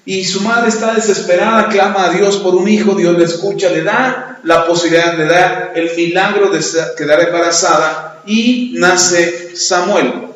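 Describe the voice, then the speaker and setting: A pastor preaching a sermon, retelling a story and acting out both sides of the dialogue. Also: male voice, high-pitched, fairly even intonation, a little slow, fairly bright tone. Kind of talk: sermon with retold anecdote. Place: church. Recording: echoey church hall, dull lo-fi sound.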